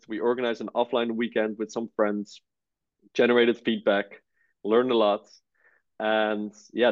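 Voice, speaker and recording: In his 20s and from the Netherlands, this startup co-founder is the guest in a relaxed conversational interview. He's easygoing, says "uh" a lot, and has a fairly low, darkish voice; the recording is dull and free of echo.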